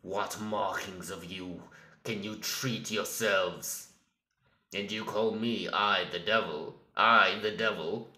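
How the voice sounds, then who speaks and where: A menacing male Death, a grandiose villain who taunts mortals. The delivery is extremely slow, with a very forceful, sharp edge. It sounds theatrical, in a roomy, echoing space. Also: fairly low pitch, steady tone. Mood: grim, accusing. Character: Death, menacing male soul-eating entity sneering at mortals.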